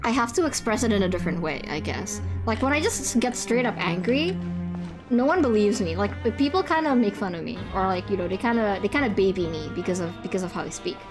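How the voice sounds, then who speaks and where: Talking fast and animatedly over music, a young adult non-binary streamer with a higher-pitched voice reacts live in a casual chat. They keep restarting with stammers, laugh frequently and swear freely.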